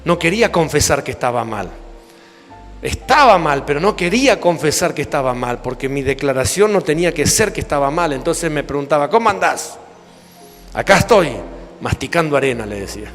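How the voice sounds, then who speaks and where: A man's voice: on the high side, expressive, brisk, fairly bright tone. A man preaching a sermon in Argentine Spanish, fervent, firing rhetorical questions at the congregation. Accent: Rioplatense Spanish. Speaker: apostle preaching. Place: church hall. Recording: long reverb, music behind.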